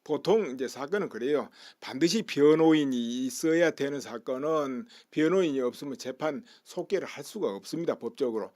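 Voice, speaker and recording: A man's voice: mid-range voice, lively intonation, moderate pace, few pauses, darkish tone, dry recording, studio quality. A man giving a news commentary monologue, explaining step by step and posing rhetorical questions. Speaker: political commentator.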